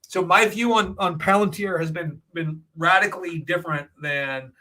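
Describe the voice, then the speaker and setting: Bright-voiced man riffing on stream. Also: high voice, normal speed, rough recording. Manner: opinionated, rambling, often tagging points with "right?". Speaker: host of a financial Q&A livestream. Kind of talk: casual off-the-cuff commentary.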